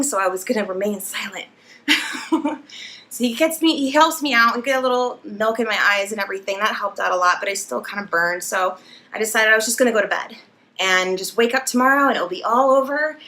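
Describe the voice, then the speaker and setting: Young woman vlogger, casual storytelling to camera; bright, slightly high voice, animated, laughs often. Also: brisk.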